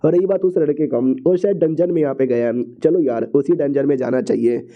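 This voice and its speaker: A man's voice: medium pitch, brisk. A man narrating a comic-book story recap in a chatty, slangy way, often repeating phrases. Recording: dull lo-fi recording.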